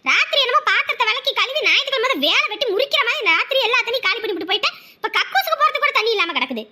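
A woman's voice: very high-pitched, expressive, rapid-fire, pushed and bright, heavily acted. A woman voicing a scheming, scolding middle-aged stepmother in a cartoon, nagging as she talks. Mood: grumbling. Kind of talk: Tamil cartoon voice acting.

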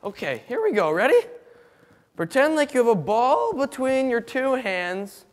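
Young man's fussy, high-voiced teacher impression. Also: huge pitch swings, a little slow, in a large hall, full character voice. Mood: calm instructing. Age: young adult. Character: fussy, earnest male teacher, easily exasperated with pupils. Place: school classroom.

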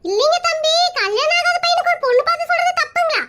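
A woman's voice: extremely high pitch, lively intonation, fast talker, bright, forceful tone, slight background noise, heavily acted. A woman voicing a pushy, chatty married aunt in a cartoon comedy, who plays matchmaker and talks. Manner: brash, nosy, rambling.

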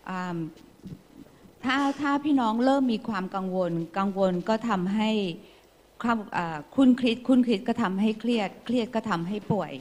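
A woman's voice: a little high, normal speed, darkish tone, long reverb tail. A woman interpreting a sermon live, in fluent flowing phrases. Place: church hall.

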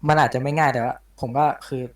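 A man's voice: mid-range voice, fairly even intonation, fast. A man leading a roleplay gang, answering politely and hesitantly, often repeating his words. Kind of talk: casual voice chat. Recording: roomy distant voice-chat mic.

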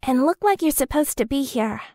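A man voicing a cheerful, scheming young woman in a fan audiobook, high and bubbly. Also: animated, moderate pace, a little mellow, no room sound, clean studio sound. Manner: bubbly, high and breathy, faux-whimpering when playing lost.

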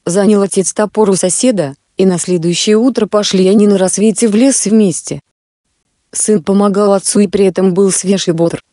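A woman reads a classic fairy tale aloud in a measured storytelling voice. Her tone is warm and unforced. The recording is dry, with no room echo. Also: mid-range voice, steady tone. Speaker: narrator. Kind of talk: scripted fairy-tale reading.

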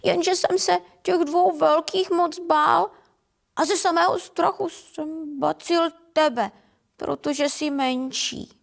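A woman's voice: very high voice, fairly even intonation, vocal fry. A woman voicing a frightened little tomcat kitten who whines and sniffles. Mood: tearful. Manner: whiny, sniffling. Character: scared, weepy little boy kitten.

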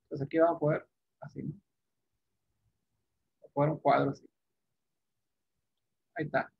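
A man's voice: a little high, level tone, normal speed, gravelly, slightly rough, lo-fi sound. A man teaching an English class, explaining patiently step by step and checking in with short tag questions.

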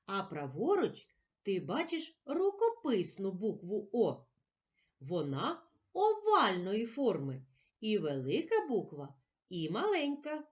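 A woman teacher giving a slow lesson to young children, sounding out letters and syllables clearly. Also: mid-range voice, huge pitch swings.

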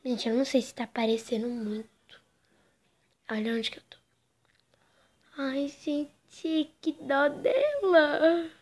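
A woman's voice: high voice, takes it slowly, long pauses, darkish tone. A woman from Brazil doing casual vlog narration, giggly and constantly addressing her viewers. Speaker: vlogger.

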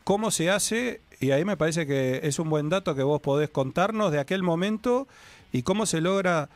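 Uruguayan radio host with a raised voice. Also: male voice, a little high, animated, normal speed, no room sound. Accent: Uruguayan Spanish. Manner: friendly, prompting questions with tag questions. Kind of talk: radio studio interview. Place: radio studio indoors. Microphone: studio desk microphone.

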